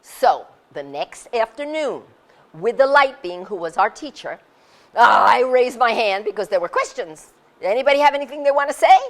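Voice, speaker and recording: A woman in her sixties telling her story in a casual, animated way, laughing often and acting out what people said. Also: on the high side, moderate pace. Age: 60s. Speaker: speaker sharing her experience. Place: community center hall.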